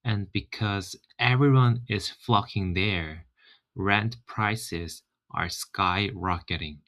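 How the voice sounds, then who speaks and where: Slow, deep-voiced Korean man. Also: fairly bright tone. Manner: friendly, chatty, often fills with "you know". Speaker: channel host. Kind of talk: casual explainer vlog.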